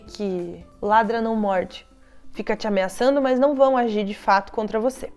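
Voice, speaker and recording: A woman's voice: a little high, darkish tone. A young adult woman, a child psychologist, talking casually to fellow therapists and telling stories about difficult families, quoting parents' lines as she goes. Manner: chatty storytelling, acting out parents' quoted lines.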